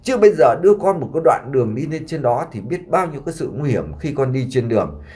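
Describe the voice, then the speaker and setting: A man's voice: mid-range voice, very animated, fast talker, warm tone, close to an everyday voice. A man voicing a grieving doctor father who imploringly consoles his sick son and takes the blame on himself.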